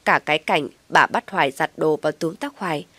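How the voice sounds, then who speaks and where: Low-voiced woman narrating a family story. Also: normal speed, a bit bright, no room sound. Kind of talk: first-person story narration.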